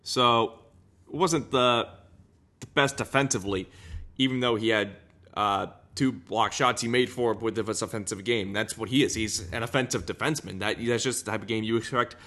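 A podcast host gives off-the-cuff hockey game analysis, halting and repeating himself while he hunts for words. His voice is lowish with a sharp tone.

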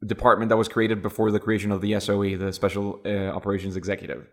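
A low-voiced man runs a tabletop game as game master. He narrates in a loose, rambling way, stopping and restarting often as he describes the scene. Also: little pitch movement, racing. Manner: rambling, with frequent fillers and restarts.

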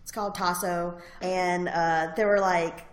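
A woman's voice: on the low side, steady tone, a little slow. A woman in her forties with a marked Southern accent from Alabama, speaking animatedly in a casual interview. She laughs often and leans on fillers. The room gives her voice a noticeable echo. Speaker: interviewee, alumna.

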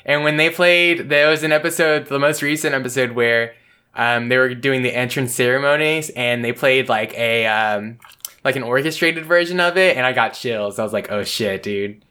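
A man's voice: mid-range voice, moderate pace, pushed and bright, clean tone. A young man co-hosting a casual podcast chat, laid-back and hesitant, dropping slang as he talks. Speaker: podcast co-host. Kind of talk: casual chat about anime.

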